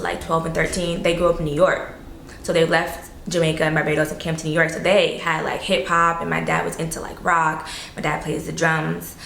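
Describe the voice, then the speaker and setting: Woman, interview guest, casual, lots of fillers, fry in the voice, faint background noise. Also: lowish voice, fairly bright tone, roomy sound. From South Florida. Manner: loose and chatty, full of fillers and casual swearing.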